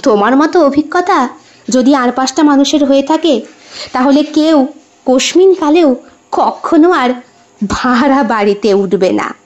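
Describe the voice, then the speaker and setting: Lively quick young wife in an audio story, woman reading, high voice, emphatic. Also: dull audio.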